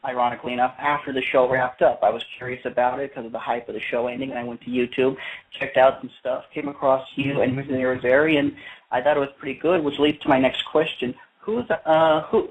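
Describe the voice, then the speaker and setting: A man's voice: medium pitch, phone-quality sound. A man calling in to a radio show, polite and rambling as he leads up to his question. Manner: polite, rambling, formal greetings. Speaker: caller.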